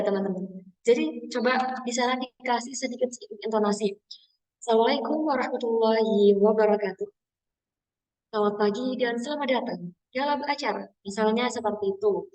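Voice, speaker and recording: Female trainer, casual webinar teacher, higher voice, recorded off-mic. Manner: casual instructive, often addresses listeners as friends. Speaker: public speaking trainer. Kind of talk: webinar lesson. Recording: distant from the mic.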